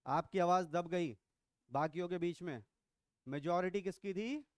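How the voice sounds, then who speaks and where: Middle-aged male biology teacher, high smooth voice, playful and quizzing. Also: unhurried, no room sound, clean studio sound. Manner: teasing, quizzing students, mixes English into Hindi. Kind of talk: classroom lecture. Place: classroom.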